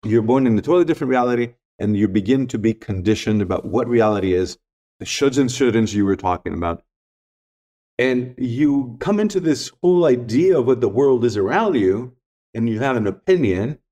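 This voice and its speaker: A middle-aged man, a native Greek speaker, has a warm, mid-range voice. As a podcast guest he tells stories and reflects conversationally with an earnest, emphatic manner, going back over his key points.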